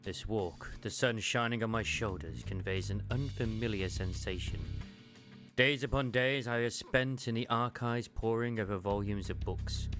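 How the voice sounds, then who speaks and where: With a lowish voice and only light acting, a man voices a quiet, scholarly martial archivist for a fan dub of a game. His phrasing is formal, archaic and measured, carrying a soft wistfulness, over background music.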